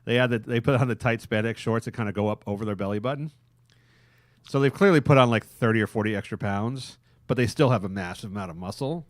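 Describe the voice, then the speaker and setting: A man's voice: on the low side, fast, no room sound, studio quality. A man hosting a podcast, rambling crudely with frequent laughter. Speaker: podcast host. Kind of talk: casual crude podcast banter.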